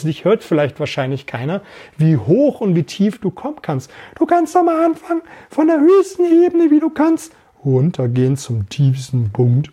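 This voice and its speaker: Middle-aged guy talking on his podcast, a bit higher voice, raspy, keeps demoing voice stuff. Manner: energetic, repeats phrases, demonstrates voice techniques. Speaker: podcast host and sales trainer. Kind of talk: casual podcast monologue.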